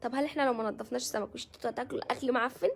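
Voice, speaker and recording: A woman's voice: fairly high pitch, rapid-fire, vocal fry. An Egyptian woman hosting a casual live stream, chatting with viewers and greeting them by name. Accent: Egyptian Arabic.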